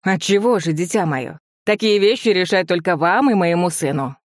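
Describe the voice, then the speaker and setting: A composed, quietly spoken older mother, as a male narrator puts her on in an audiobook. Her voice sits a little above his own and stays gentle and dignified. The sound is dry, with no room echo. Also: high-pitched, moderate pace, pitched above the performer's own voice, lightly acted. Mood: calm. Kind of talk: audiobook character voice.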